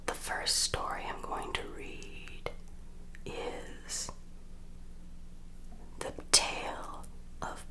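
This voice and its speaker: Female ASMR storyteller. Full breathy whisper throughout, unhurried and deliberate, gentle bedtime read for children's tales.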